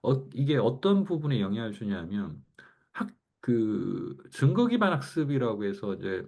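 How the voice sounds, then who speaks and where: A man with a Gyeongsang Korean accent, from Korea's Gyeongsang region, gives a casual online class lecture in a mid-range, somewhat dark voice. He thinks aloud loosely and conversationally, using plenty of fillers.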